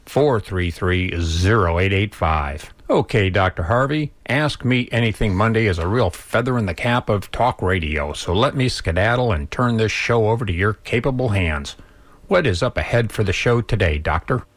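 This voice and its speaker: A man's voice: lowish voice, animated, moderate pace, dry recording. A man introducing a radio show as its announcer, with folksy, old-time 1920s slang in a scripted style.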